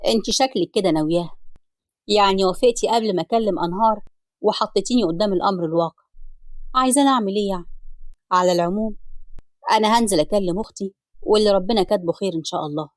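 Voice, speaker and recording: A woman's voice: mid-range voice, rapid-fire, long pauses, dry recording, lightly acted. A woman with an Egyptian accent voicing a frustrated husband caught between his wife and his sister, in a storybook reading. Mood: torn, pleading. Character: frustrated middle-aged husband, torn between family.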